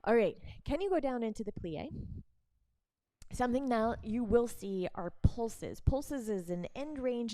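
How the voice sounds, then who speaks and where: A female instructor explains barre moves and cues a demonstrator, encouraging and quick to laugh. Her voice is fairly high and mellow, recorded with no echo.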